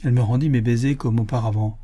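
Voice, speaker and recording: A man narrating a classic novel audiobook in a measured, expressive reading. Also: mid-range voice.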